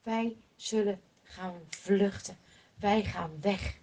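Hushed, humble old king from a Bible story, as a breathy woman narrator puts him on, slow and soft. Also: mid-range voice, steady tone. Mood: sorrowful.

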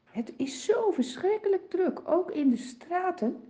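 A woman tells a Bible story to children, slow and expressive, her pitch swooping up and down. Her tone is mellow and somewhat high. The recording sounds dull and lo-fi.

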